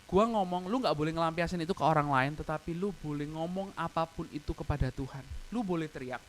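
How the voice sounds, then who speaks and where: A man's voice: fairly high pitch, a little fast, a little hiss or hum, poor audio. A young man preaching a casual, personal youth sermon at an online church service, speaking in slang, slipping in English phrases and growing tearful at times. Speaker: youth pastor.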